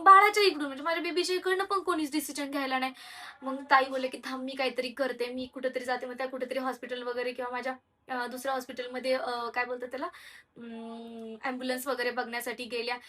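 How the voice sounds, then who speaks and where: Young woman vlogger, candid and rambling, bright tone, distant mic. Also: sits high. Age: young adult. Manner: candid, rambling, with frequent hesitations and restarts. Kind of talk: personal storytelling to viewers.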